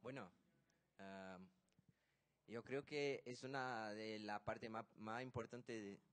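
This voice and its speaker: A man's voice: on the low side, steady tone, slow, a bit bright. A man starting an informal comment in a hesitant way.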